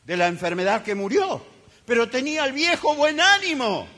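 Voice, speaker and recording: A man's voice: very high voice, big pitch swings, moderate pace, pushed and bright. A man preaching a sermon as a pastor, emphatic and fiery, mocking the voices of complainers. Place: church hall. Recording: reverberant church hall.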